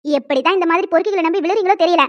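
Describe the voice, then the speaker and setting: A woman voicing a stern young female professor who lectures and scolds in an animated story. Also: extremely high pitch, racing, highs cut off.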